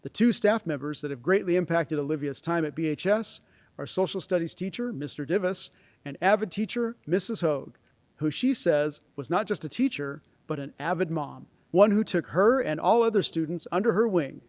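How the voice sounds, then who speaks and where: Male knighting ceremony presenter, slightly high-pitched, formal scripted delivery, close and dry podium sound. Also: animated, normal speed, no echo. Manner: formal read-out delivery, announcing names ceremonially. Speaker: presenter at a school honors ceremony. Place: stage of a large auditorium. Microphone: podium microphone.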